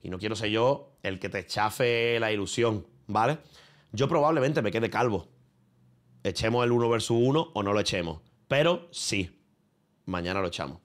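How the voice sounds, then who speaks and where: A man's voice: lowish voice, expressive, normal speed. A man from Spain with a Spanish accent, chatting casually and rambling on a livestream from his room, with plenty of swearing and slang. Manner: rambling, profane, slangy, talking to viewers and a friend. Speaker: streamer.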